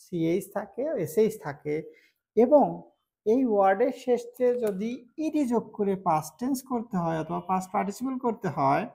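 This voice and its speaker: A woman with a Bangladeshi accent teaching English pronunciation, explaining slowly, repeating each word and asking if it is clear. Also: medium pitch, warm tone. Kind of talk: spoken English lesson.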